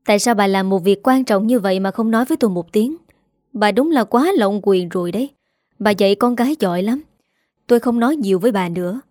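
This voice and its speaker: A woman's voice: mid-range voice, quick pace, darkish tone, no echo, close to an everyday voice. Woman reading a stern older father, scolding, curt, dry. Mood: cold.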